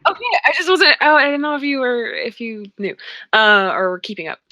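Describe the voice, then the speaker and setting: Chatty young woman with a bright voice. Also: fairly high pitch, very animated, a little fast, muffled recording, a little hiss or hum. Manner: chatty, laughs easily. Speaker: podcast co-host. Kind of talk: casual chat.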